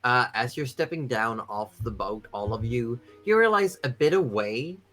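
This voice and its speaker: A man's voice: medium pitch, animated, normal speed, a bit bright, soft background music. A man narrating a tabletop game as game master, improvising and often repeating phrases as he goes.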